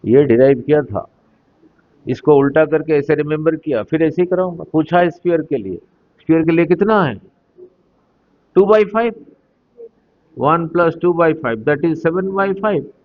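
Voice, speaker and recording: A man teaching a physics class, explaining slowly and deliberately and often asking his students whether they follow. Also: on the high side, narrow, tinny audio. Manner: slow, deliberate explaining, mixing Hindi and English, asking the class questions. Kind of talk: classroom lecture on a whiteboard.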